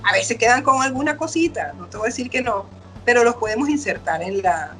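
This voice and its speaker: A woman's voice: fairly high pitch, expressive, brisk, fairly bright tone, soft background music. A middle-aged woman doctor, explaining patiently in an interview. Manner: patient, explanatory, acts out quoted parents and children. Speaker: doctor, guest expert. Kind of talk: explaining casual interview talk.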